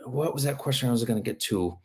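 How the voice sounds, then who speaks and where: This man, an immigration lawyer, talks fast in a mid-range voice as he reads viewer questions aloud during a live stream and answers them casually and frankly, often tagging on "okay?".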